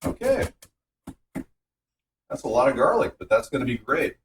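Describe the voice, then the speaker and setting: A man hosting a casual home cooking video in his kitchen, chatting in a relaxed, rambling way that drifts off topic. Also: medium pitch, normal speed, a little hiss or hum. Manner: relaxed, filler-heavy talk. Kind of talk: casual cooking vlog chat.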